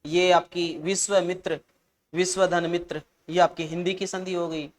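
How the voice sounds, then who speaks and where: A man's voice: high-pitched, level tone, moderate pace. A man teaching an exam-prep lesson, chatty and often calling listeners "saahab" and "bhai".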